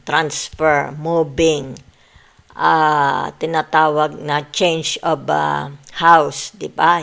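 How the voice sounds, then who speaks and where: A woman's voice: deep voice, vocal fry, a bit bright. A woman reading tarot cards for her viewers, mixing Tagalog and English, often asking "di ba" and telling listeners to relax. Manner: mixes Tagalog and English, repeats "di ba" and "yan" often; soothing, tells listeners to relax. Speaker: tarot reader.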